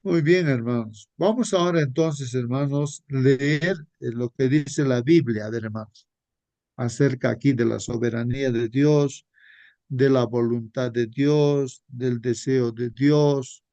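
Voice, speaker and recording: A man teaching a Sabbath school Bible study at a very unhurried pace. He repeats his points and keeps turning to his listeners as brothers. The recording is dry, with little room sound. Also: mid-range voice, mellow, no room sound. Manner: slow, repetitive, addresses listeners as brothers.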